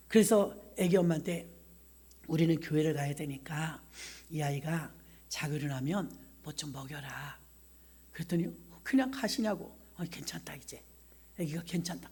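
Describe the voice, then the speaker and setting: A middle-aged woman pastor preaching a sermon, telling a personal story in an animated way and acting out the voices of the people in it. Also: medium pitch, husky.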